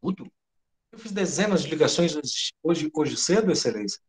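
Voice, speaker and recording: A man's voice: fairly high pitch, animated, moderate pace, close to an everyday voice. A man with a Brazilian Portuguese accent reading the part of a flustered young government aide who stays anxiously polite to his superior. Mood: nervous. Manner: anxious, overly polite and servile.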